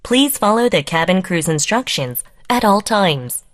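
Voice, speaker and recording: A woman reading a scripted plane cabin safety announcement in a formal, measured way, as a flight attendant. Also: medium pitch, animated.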